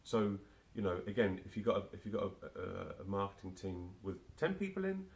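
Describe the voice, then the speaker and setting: A male guest in his forties, a marketing automation specialist from London, answers casual interview questions in a low, gravelly, sing-song voice. He hesitates a lot, peppering his speech with fillers and starting over repeatedly.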